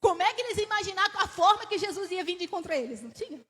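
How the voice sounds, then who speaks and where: A woman with a Brazilian Portuguese accent preaching a sermon in a church, telling the story with animated rises and questions to the congregation. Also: very high voice, rapid-fire. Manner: laughs between phrases. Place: church sanctuary. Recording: church hall with long reverb.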